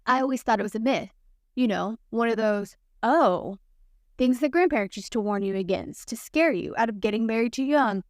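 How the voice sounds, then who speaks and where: A bold, giddy young witch, as a woman narrator puts her on, chatting with a grin in her voice. The tone is slightly high. The recording is dry and close, with no room sound. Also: no echo, lightly acted. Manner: grinning, chatty.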